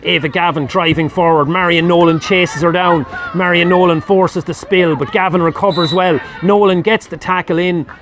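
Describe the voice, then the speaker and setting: A man with an Irish accent delivers live play-by-play commentary at a match in a slightly bright voice, fairly even in intonation, at normal speed with hardly any pauses. When a score comes, his pitch and volume rise sharply.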